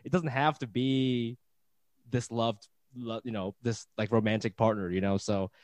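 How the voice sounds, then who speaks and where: A man in his thirties chatting casually on a podcast, rambling and restarting his sentences, getting excitable. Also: mid-range voice, unhurried, no room sound. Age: 30s. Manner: rambling, self-interrupting, excitable. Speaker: podcast co-host guest.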